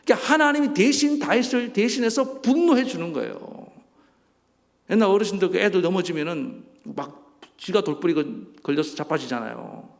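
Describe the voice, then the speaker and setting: A man preaching a sermon as a pastor, animated, acting out voices and asking the congregation questions. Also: high-pitched, moderate pace, vocal fry. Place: church sanctuary. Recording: church hall reverb.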